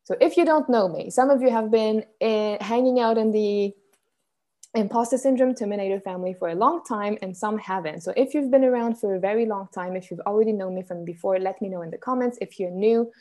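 A young Swiss business coach with a mellow tone runs a live challenge on a coaching stream, chatting with viewers in an upbeat way. She reads their comments aloud as she goes, keeping an even middle pitch at a brisk pace.

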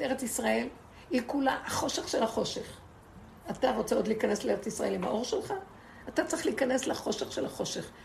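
A woman's voice: on the high side, vocal fry, a little mellow, slight background noise. A woman giving an impassioned spiritual lesson to a group, asking rhetorical questions and repeating words for emphasis. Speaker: Torah teacher.

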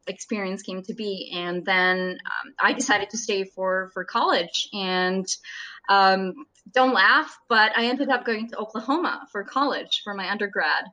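In this casual interview chat, the guest is a surgeon, a woman in her thirties from Serbia whose native language is Serbian, and she frequently breaks into laughter. She speaks at a measured pace in a mid-range voice with a sharp tone, captured on poor audio.

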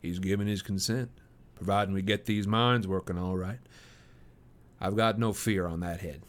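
A man reading aloud, voicing an earnest young frontiersman in a low, hushed, tender tone. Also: steady tone, normal speed, close to an everyday voice.

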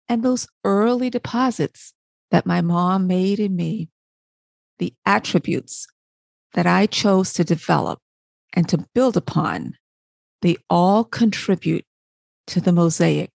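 A woman from Barbados hosting a motivational podcast. She asks rhetorical questions, answers them herself and often checks in with a quick "right?". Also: lowish voice, creaky, darkish tone, dry recording. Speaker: podcast host.

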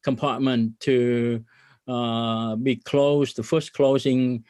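Interviewed on a podcast as a business guest, this middle-aged man from Vietnam talks sincerely, with frequent filler pauses and religiously tinged language. His mid-range voice is dark and clean, delivered flatly. The studio sound is clean, with no echo.

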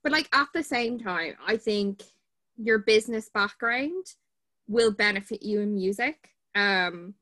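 A woman's voice: mid-range voice, lively intonation, unhurried, bright, forceful tone. A woman in her twenties with an Irish accent, hosting a podcast in an informal, conversational way. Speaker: podcast host, barrister.

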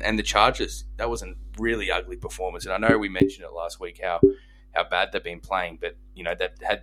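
A man's voice: sits low, fairly bright tone, rough recording. A man with an Australian accent hosting a casual sports discussion podcast.

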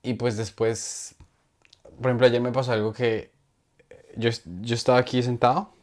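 A man's voice: mid-range voice, little pitch movement, moderate pace, darkish tone. Rambling chatty man. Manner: rambling, self-correcting, chatty. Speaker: podcast co-host. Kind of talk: casual comedy chat. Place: podcast studio.

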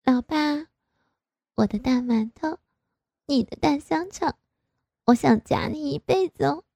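A woman's voice: high voice, a little slow, mellow, no room sound, voice pushed up. A woman voicing a coy, pouty young married woman in an audio story, speaking in a raised, wheedling voice.

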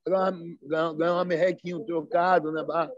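High-voiced rio guy, slangy, does the voices when he quotes people, dry dull mic. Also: level tone, fast, no echo. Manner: slangy, peppered with "sacou" and "né, cara"; acts out quoted dialogue in livelier voices. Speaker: guest. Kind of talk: casual storytelling. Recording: dry, slightly dull sound.

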